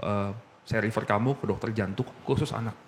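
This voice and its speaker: A man's voice: fairly low pitch, brisk, a little hiss or hum. Man telling a personal story casually. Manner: mixes English phrases into casual talk, animated when recounting. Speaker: guest telling his story.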